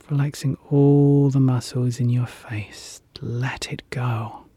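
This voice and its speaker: A relaxation guide leading a guided hypnosis session in a soft, soothing whisper, repeating gentle calming phrases. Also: mid-range voice, slightly rough, no echo.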